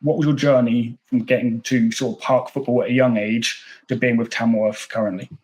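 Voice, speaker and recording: A man's voice: mid-range voice, level tone, fairly quick, darkish tone, rough recording. A man hosting a football podcast, chatting enthusiastically as a fan and often repeating words as he goes. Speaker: podcast host. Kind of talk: casual interview.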